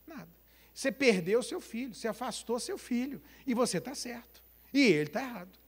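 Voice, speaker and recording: A man's voice: very high-pitched, animated, moderate pace, slightly rough. A man from Brazil preaching a sermon as pastor, with a dramatic delivery, acting out family quarrels and asking the congregation questions. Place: church hall. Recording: long hall reverb.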